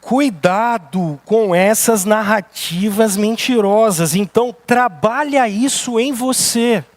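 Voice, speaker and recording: A Brazilian-accented male pastor preaches with a very high voice for a man. He drives his points home with emphasis and one rhetorical question after another. It sounds like a sermon given in a church sanctuary. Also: takes it slowly. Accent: Brazilian Portuguese.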